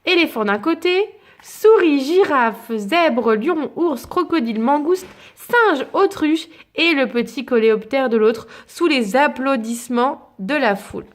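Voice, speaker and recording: Woman reading a children's story aloud. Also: sits high. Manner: expressive, lilting storytelling with dramatic pauses.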